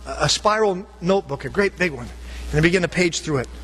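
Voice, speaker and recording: A man's voice: a little high, fast talker, husky. A man preaching, telling a personal story and acting out the dialogue. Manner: animated, acts out dialogue. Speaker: pastor. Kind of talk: sermon storytelling.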